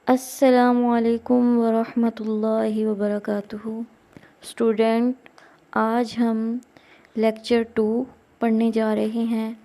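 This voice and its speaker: Flat-voiced woman teaching Quran letters. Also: a little high. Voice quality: monotone, drawn-out teaching delivery. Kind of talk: slow tajweed lesson, drawn-out letter recitation.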